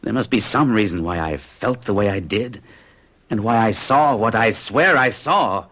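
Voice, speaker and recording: In a 1970s radio drama, an actor in his forties plays a nervous, middle-aged accountant with rigid habits. At a moderate pace and with a lively pitch, he tells of a strange experience in an earnest, uneasy manner.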